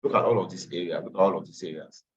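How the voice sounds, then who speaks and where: A man with a low voice races through a live online trading class, explaining charts despite being tired after a long day. He repeats phrases and slips into Pidgin, with slight background noise and distant, dull lo-fi call sound.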